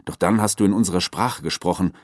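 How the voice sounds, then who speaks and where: Man doing a wolf leader, hurt but calm and soothing, storybook reading, dry. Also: deep voice, fast, dry recording. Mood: reassuring. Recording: dry close recording.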